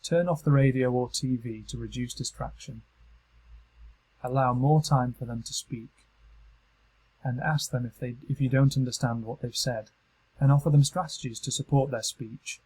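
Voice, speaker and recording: A man with a British accent giving calm, measured, scripted narration for a training module. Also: mid-range voice, husky, poor audio. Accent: British English. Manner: calm, measured instructional delivery.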